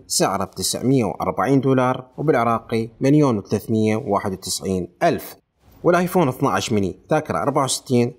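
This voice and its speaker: A man with an Iraqi accent rattles through a list of prices at a very fast clip. His voice is slightly husky and sits at a medium pitch. Faint music plays underneath. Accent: Iraqi Arabic. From Iraq. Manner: rapid, listing figures in a steady run. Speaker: tech channel host. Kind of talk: reading out price lists.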